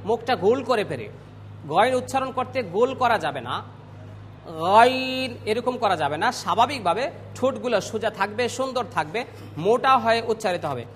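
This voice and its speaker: A man teaching Quran pronunciation, drilling letter sounds slowly and clearly and calling on students to repeat after him. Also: high voice, lively intonation, fairly bright tone, big-room sound, a little hiss or hum. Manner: slow, clear drilling of letter sounds with call-and-response prompts. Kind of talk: classroom pronunciation lesson.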